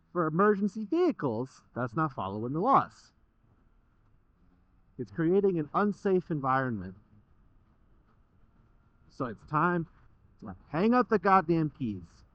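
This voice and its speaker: A man's voice: a little high, no echo. A young American man motovlogging from inside a motorcycle helmet, chatting casually and bluntly in informal, sweary language. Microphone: microphone inside the helmet. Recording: muffled, dull helmet mic.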